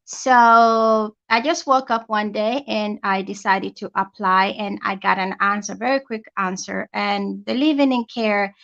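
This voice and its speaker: A woman from Tanzania talks as a guest in a casual interview, explaining things plainly and chattily. Her voice has a mid pitch and comes through slightly dull and muffled. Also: fairly even intonation, a little slow, vocal fry, few pauses, fairly bright tone. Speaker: guest, healthcare assistant.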